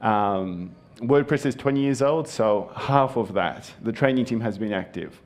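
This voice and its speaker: A young Japanese man, born and raised in Japan, presents at a conference hall with a medium-pitched voice and a measured pace. He comes across as sincere and friendly, with frequent ums.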